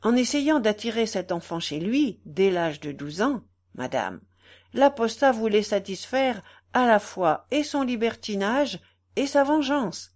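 A woman reading aloud, voicing a grown male village priest who speaks earnestly and gravely. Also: fairly high pitch, lively intonation, unhurried, darkish tone.

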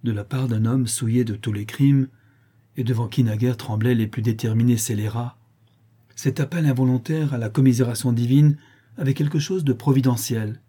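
A man narrating a classic novel aloud in a measured, dramatic reading. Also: medium pitch, mellow, husky. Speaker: audiobook reader.

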